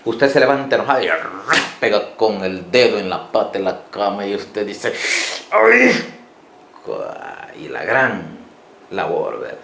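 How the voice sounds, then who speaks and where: Man preaching a Bible study, lively rising and falling pitch, echoey church room. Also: moderate pace, slight background noise. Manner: animated storytelling, questions to listeners. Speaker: pastor.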